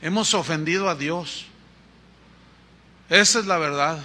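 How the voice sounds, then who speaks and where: A man's voice: on the high side, a little slow, pushed and bright, slight background noise. A male pastor preaching a sermon, exhorting emphatically with rhetorical questions. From Mexico.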